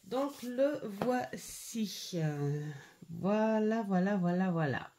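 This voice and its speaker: A middle-aged woman chatting casually at home as she reviews an oracle card deck, pausing often with fillers and restarts. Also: medium pitch, animated, dark tone, slight background noise. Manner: hesitant, full of "euh" fillers and restarts. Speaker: tarot and oracle card vlogger. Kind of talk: casual unboxing and review chat.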